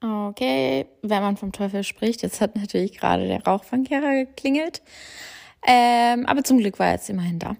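Born in Australia and raised in Germany, a young woman hosts her own casual solo podcast, rambling with plenty of fillers and stray English words. Her mid-range voice moves at normal speed, creaky and a little mellow.

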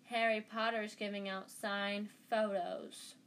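A woman voicing a scathing, smug schoolboy bully in a storybook, with sneering, drawn-out mockery. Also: medium pitch, flat delivery, fairly bright tone, slight background noise. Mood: loud, mocking.

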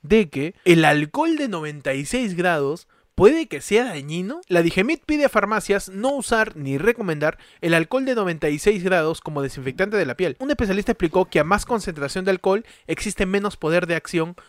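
A young Peruvian man riffs through the week's political news in a high, bright voice. He rambles, drops casual swear words and keeps breaking into laughter. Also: big pitch swings, fairly quick, hardly any pauses, no echo, clean studio sound. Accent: Peruvian Spanish. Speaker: podcast host. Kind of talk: comic news chat.

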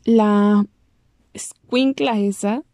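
A young woman vlogger with a Mexican accent tells the camera a personal story in a chatty way, acting out what people said in a squeaky voice. Her tone is warm and steady, and she draws out her words. The studio-quality recording has no room sound.

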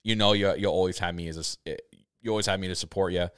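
A young man tells a story on a podcast with a lowish voice and an eager, tumbling delivery. He laughs often and restarts his sentences. The sound is close and dry. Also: steady tone, racing, a bit bright, clear, resonant tone, dry recording. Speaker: podcast co-host. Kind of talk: casual chat.

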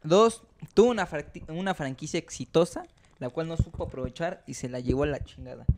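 A young man, excitable and swearing freely in casual comedy podcast chat. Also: on the high side, brisk, a little hiss or hum. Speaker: podcast co-host.

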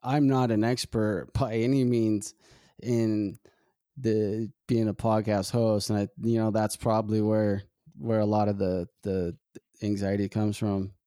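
A podcast host speaks in a warm, smooth voice. He gropes for words with frequent pauses and restarts, reflecting as he talks. The sound is close and dry. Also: fairly low pitch, little pitch movement, no echo. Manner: halting, reflective, many fillers and restarts. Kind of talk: casual conversation.

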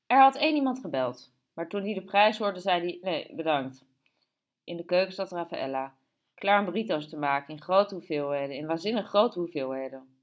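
Low-voiced woman reading an audiobook. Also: lively intonation, a little fast. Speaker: audiobook narrator. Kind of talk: scripted narration.

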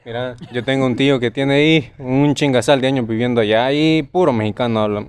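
A young man, chatting casually with friends and telling quick anecdotes. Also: mid-range voice, smooth, dry recording. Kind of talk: casual chat among friends.

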